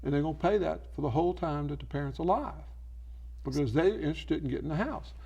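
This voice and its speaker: This man talks fast in a gravelly, darkish, slightly rough voice on the high side, advising as an elder law expert in an infomercial interview. His teaching style is to pose questions and then answer them himself.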